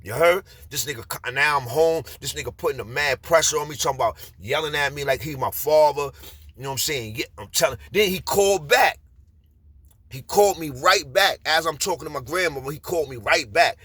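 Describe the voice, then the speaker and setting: A man's voice: fairly high pitch, fairly quick, fairly bright tone, breathy edge, dry recording. A man with a Bronx accent telling a street story casually, rambling with slang and frequent fillers. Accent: New York Bronx.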